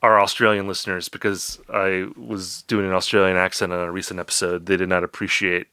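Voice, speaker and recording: Man, podcast co-host, casual chat, bright forceful tone, dry close sound. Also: sits low, flat delivery, fairly quick, clean tone, dry recording. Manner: chatty, playful, slips into put-on accents.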